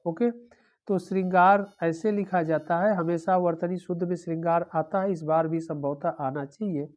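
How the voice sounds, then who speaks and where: A woman's voice: on the low side, darkish tone. A woman teaching an exam-prep lesson, going through the answer options one by one and repeating them, with a frequent "okay".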